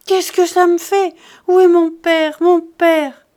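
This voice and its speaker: A woman's voice: mid-range voice, moderate pace, warm tone, close to an everyday voice. A woman reading an audiobook, voicing a grief-stricken young man with pleading, distraught cries. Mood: anguished. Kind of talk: audiobook reading of a classic novel.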